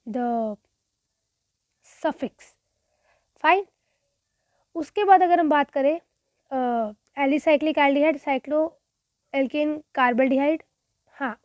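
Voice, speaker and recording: A woman with a high voice gives a chemistry revision lecture for exams. She keeps asking and answering her own questions and repeating the key terms, with English phrases mixed in. The recording is dry and close, with no room sound. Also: a little mellow, no room sound, dull audio. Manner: mixes Hindi with English phrases. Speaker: chemistry teacher.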